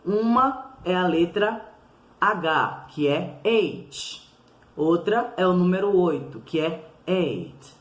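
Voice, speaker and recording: A man, a primary school teacher giving a recorded lesson to children, patiently repeating each sound slowly and clearly. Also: sits high, a bit bright, roomy sound.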